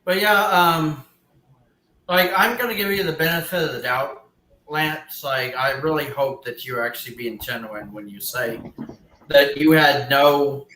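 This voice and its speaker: A man chatting on a live stream in a rambling, filler-heavy way, swearing casually as he goes. His voice is bright and a little high, and it echoes around a roomy space. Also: measured pace, a little hiss or hum. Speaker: stream co-host.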